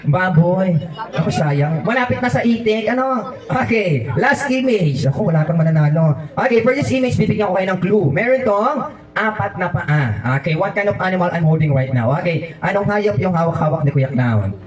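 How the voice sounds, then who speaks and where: A man's voice: high-pitched, animated, moderate pace. A man hosting a children's birthday party as a clown, running guessing games in a playful, teasing way. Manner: playful and teasing, mixing English and Filipino. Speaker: party host dressed as a clown. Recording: echoey room, mic far off.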